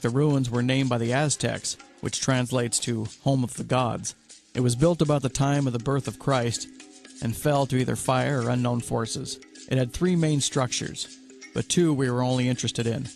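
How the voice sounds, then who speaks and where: A man and podcast host reading a first-person adventure story in a steady, measured storytelling way. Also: medium pitch, vocal fry.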